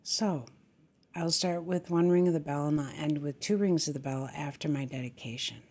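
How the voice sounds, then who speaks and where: A woman guiding a meditation, speaking gently and slowly, with a soft, breathy voice that often drops to a near whisper. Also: low voice. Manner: gentle, unhurried, repeats "just". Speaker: meditation teacher. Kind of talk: guided meditation.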